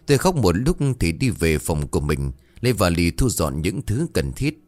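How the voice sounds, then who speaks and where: A man narrating a ghost story in a steady, sober reading style. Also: low voice, normal speed, no echo. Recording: dry voice with faint music.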